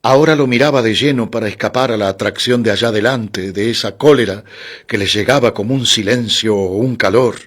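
A man giving a calm, scripted reading of a literary short story. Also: on the low side, a little fast. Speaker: audiobook narrator.

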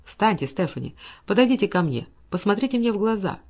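A woman voicing a wealthy middle-aged man who speaks softly and admiringly to a young woman. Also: mid-range voice, big pitch swings, a little fast.

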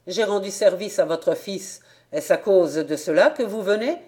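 A woman's voice: mid-range voice, moderate pace, warm tone, natural voice. A woman reading the part of a haughty, heavyset male local councillor who speaks in a curt, condescending manner.

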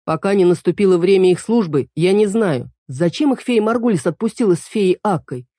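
A woman voicing a steady, practical young man who gives firm orders. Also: mid-range voice, fairly quick, dry recording, clean studio sound, pitched above the performer's own voice, natural voice. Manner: firm, matter-of-fact.

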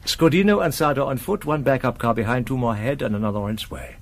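An actor playing a brisk, eager intelligence field operative, urgent and informal, in a screen drama. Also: male voice, medium pitch, expressive, gravelly. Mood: urgent, pressing.

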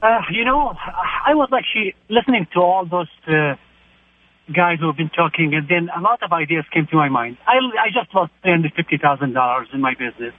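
Over a phone line with a little hiss or hum, a man from Iraq calls in to a radio talk show to discuss his situation. Earnest, searching, and plain-spoken, he talks a little fast, his fairly high voice carrying lively intonation.

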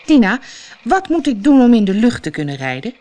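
A woman's voice: on the high side, sing-song, brisk, dark tone, a little hiss or hum. Woman voicing an earnest young boy. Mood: boastful. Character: curious, bold young boy.

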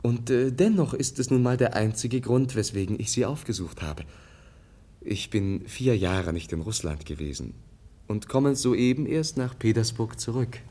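A man's voice: medium pitch, lively intonation, moderate pace, warm tone, natural voice. An actor playing a courteous, naively candid prince in a radio drama, polite and hesitant as he earnestly explains himself. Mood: candid, apologetic. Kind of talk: German radio drama acting.

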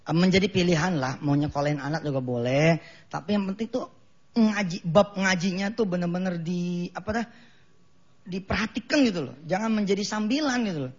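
A middle-aged Indonesian man with a Jakarta Betawi accent giving a lively, joking sermon in a mosque, acting out the voices of the people in his stories. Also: high-pitched, a little fast, slightly rough. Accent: Betawi-flavored Jakarta Indonesian. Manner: lively, jokey, acts out quoted voices, laughs at own jokes. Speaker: preacher. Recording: dull lo-fi broadcast recording.

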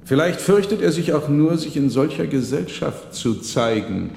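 A man's voice: a little high, expressive, normal speed, creaky, darkish tone, voice pushed up. A man voicing a mysterious Franciscan monk who speaks in a raised, declaiming way. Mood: commanding. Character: mysterious male Franciscan monk, solemn and commanding. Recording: roomy with long reverb, faint noise.

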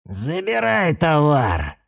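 A man voicing a sinister male lemur with a dry, creaky voice who speaks in a menacing, imperious way. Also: a little high, wildly swooping pitch, takes it slowly, lo-fi sound, full character voice. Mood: commanding.

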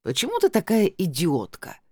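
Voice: medium pitch, big pitch swings, normal speed, a little mellow, no echo, clean studio sound. A reader voicing a drunk, coarse middle-aged woman who shrieks slurred abuse. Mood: drunk bickering. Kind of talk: audiobook character voice.

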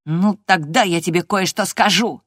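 A woman's voice: on the low side, normal speed, no echo, studio quality, lightly acted. A woman reading an audiobook voices a sickly, spiteful teenage boy who whines and taunts. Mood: taunting. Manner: whiny and taunting.

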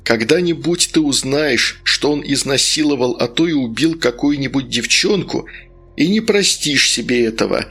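A man's voice: medium pitch, expressive, normal speed, a bit bright, breathy edge. A man voicing a stern, cruel male sorcerer who coaxes and orders in an audiobook. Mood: stern, persuasive. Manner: stern, coaxing, harsh barks.

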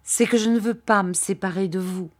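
A woman's voice: mid-range voice, fairly quick, lightly acted. A tearful, imploring aging widow, as a woman reader puts her on. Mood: pleading. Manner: imploring, emotional.

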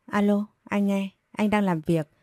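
A woman's voice: medium pitch, fairly even intonation, a little slow, warm tone, no room sound, clean studio sound, faint music behind, natural voice. A woman voicing a polite young man in an audio story.

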